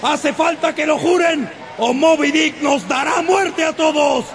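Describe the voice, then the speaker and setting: A man's voice: extremely high pitch, unhurried, fairly bright tone. An actor playing a vengeful one-legged sea captain in a radio drama, roaring and commanding his crew. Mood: furious. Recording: radio drama with crowd and sound effects.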